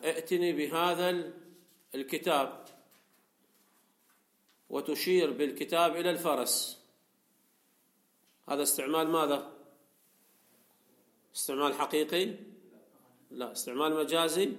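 A man teaching a lecture class on rhetoric. He asks questions and answers them himself, and reads out a commentary and explains it. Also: fairly high pitch. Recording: echoey room.

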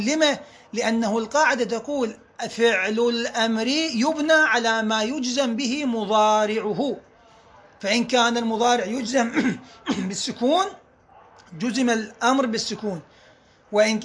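A man's voice: very high-pitched, a bit bright. A man teaching a grammar lesson, reading rules aloud and explaining them through repeated examples.

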